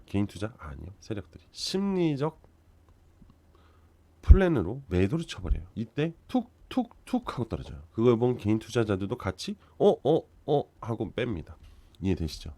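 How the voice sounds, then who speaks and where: A man's voice: mid-range voice, mellow, no room sound. A man hosting a crypto investment channel. He talks bluntly and emphatically, asks rhetorical questions and answers them himself, and reassures worried holders. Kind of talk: market commentary to viewers.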